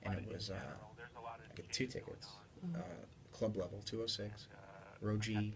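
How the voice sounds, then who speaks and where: Man, radio host, studio mic, casual banter, loud crowd in background. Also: lowish voice, unhurried. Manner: loud, upbeat announcing, then relaxed banter. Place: radio studio with a speaker playing. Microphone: studio mic with headphones.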